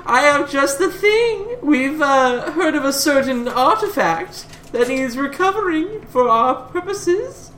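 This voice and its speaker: A woman voicing Hugo, a flamboyant male patron who offers a quest with grand, drawn-out, fond speech. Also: sits high, expressive, fairly bright tone, slight background noise, voice pushed up, heavily acted. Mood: coaxing. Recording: roomy recording.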